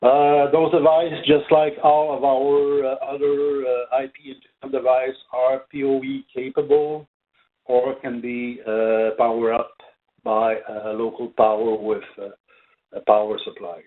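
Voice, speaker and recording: This one is a company product trainer talking unscripted through a webinar, hesitating constantly with filled pauses. His pitch is medium and his delivery flat, and the audio comes across tinny and narrow as if over the telephone.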